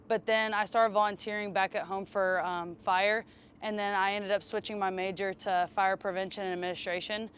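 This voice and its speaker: A young woman, a college softball player, answering interview questions casually with many fillers. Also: mid-range voice, little pitch movement, normal speed, slight background noise. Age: young adult.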